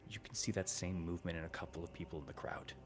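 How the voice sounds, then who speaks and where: Deep-voiced man running a tabletop game. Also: fast talker. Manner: improvised, conversational storytelling. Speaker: game master. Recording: music behind the voice.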